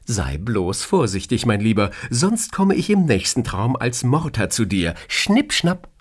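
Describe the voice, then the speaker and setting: A man voicing a cheerful, teasing woman who is the boss in an audiobook story, raising his voice high and lively for her. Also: measured pace, slightly rough, heavily acted. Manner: playful, teasing. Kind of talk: audiobook character reading.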